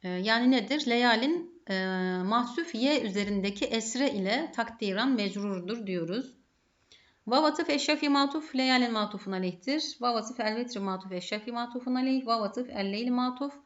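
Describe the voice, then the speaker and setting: A woman's voice: a little high, normal speed, muffled recording. A woman with a Turkish accent teaching Arabic grammar step by step, asking herself questions and answering them. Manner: methodical, poses and answers her own questions. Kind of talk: grammar lesson.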